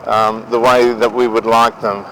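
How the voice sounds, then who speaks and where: An Australian man giving an unscripted talk to viewers in a deliberate, halting way. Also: mid-range voice, flat delivery, fairly bright tone, poor audio. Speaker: vlogger giving relationship advice. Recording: outdoor noise behind the voice.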